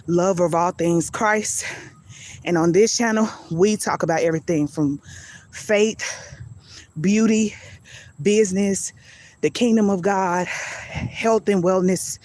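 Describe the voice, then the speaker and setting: A woman's voice: lowish voice, a little mellow. A woman hosting a live faith message outdoors on her daily walk, talking into her phone, out of breath and preaching with building repetition. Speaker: faith channel host. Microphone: handheld phone.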